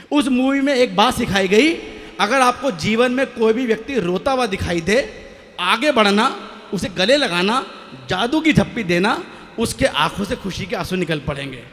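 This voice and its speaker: A man's voice: sits high, animated, normal speed, sharp tone, long reverb tail. A man reciting comic poetry on stage at a live poetry event, telling jokey stories and bantering with the audience through a stage microphone. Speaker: stage poet.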